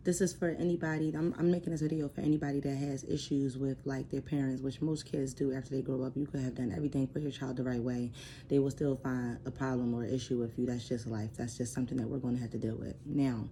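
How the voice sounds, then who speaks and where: Low, dark-voiced woman venting. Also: slight background noise. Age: 30s. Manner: blunt, frustrated, emphatic. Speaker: vlogger. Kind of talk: personal venting vlog.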